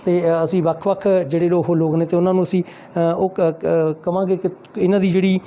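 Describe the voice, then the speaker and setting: Halting man with a dark voice. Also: high voice, little pitch movement. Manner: hesitant, many fillers and restarts. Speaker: news reporter. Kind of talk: news interview with commentary.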